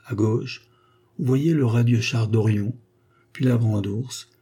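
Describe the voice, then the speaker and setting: A man reading a classic novel aloud in a measured, theatrical narration. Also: mid-range voice, mellow, slightly rough. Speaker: audiobook reader.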